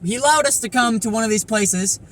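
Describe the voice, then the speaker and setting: A man's voice: extremely high pitch, a little fast, fairly bright tone, poor audio. A young man talking bluntly and with a lot of energy in a casual vlog, swearing freely. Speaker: vlogger.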